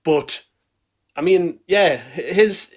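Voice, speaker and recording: A man's voice: sits high, takes it slowly. A man hosting a football fan podcast in a casual, conversational way. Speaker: podcast host.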